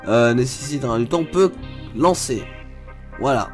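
A man's voice: medium pitch, animated, unhurried. Young male let's-play host, chatty and loose, walks through menus as he clicks, faint game music behind. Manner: chatty, explains menus as he clicks, frequent fillers. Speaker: gaming video host. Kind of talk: casual let's play commentary.

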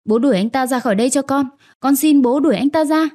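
A young wife full of fury and grief, as a woman narrator voices her. Her voice sits fairly high with a dark, mellow tone, in a dry storybook reading. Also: fairly quick, dry recording, close to an everyday voice. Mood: anguished.

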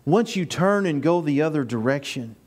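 An older pastor preaches a sermon to his congregation in a small church sanctuary with a projection screen, building to emphatic peaks and repeating key phrases. His voice is a little high with lively intonation at normal speed, recorded by a far camera with no mic seen.

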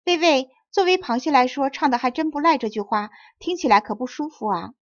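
Lady doing a high squeaky proud crab, chatty, dry muffled audiobook sound. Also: lively intonation, fairly quick, dry recording. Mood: boastful. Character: proud chattering crab leader, small, eager.

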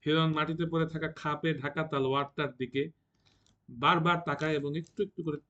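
A man's voice: on the high side, fairly even intonation, moderate pace, pushed and bright. Man reading stage directions, lo-fi. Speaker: narrator. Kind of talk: reading a stage play aloud.

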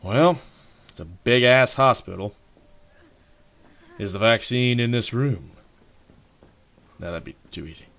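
A man's voice: mid-range voice, expressive, a little slow, long pauses, a bit bright. A man hosting a let's play, joking sarcastically and swearing at the game as he plays. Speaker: gaming channel host.

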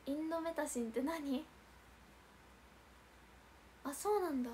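A woman's voice: high-pitched, measured pace, mellow, a little hiss or hum. A young woman hosting a casual idol livestream, chatting and reading out viewer comments with frequent giggles.

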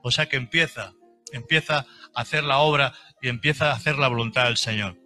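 A man's voice: medium pitch, a little fast, pushed and bright, faint music behind. A middle-aged man, preaching a sermon as pastor in an emphatic, repetitive way with homely examples.

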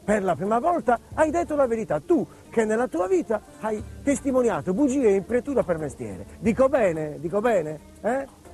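Give me a man voicing a stern old Saint Peter, scolding in a mellow, swooping voice. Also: high-pitched, sing-song, normal speed, faint music behind, pitched above the performer's own voice. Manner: scolding, emphatic.

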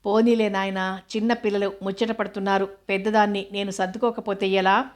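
A woman reading as a gentle old mother. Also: medium pitch, level tone, fairly quick, natural voice. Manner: soothing, coaxing. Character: elderly mother, gentle and self-sacrificing.

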